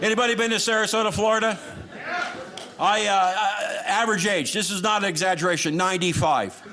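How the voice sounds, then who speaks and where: A stand-up comedian with a voice that sits high works the room with a dry, sarcastic lilt, talking fairly quickly and with fairly even intonation. Crowd noise and audience laughter run through the noisy live recording.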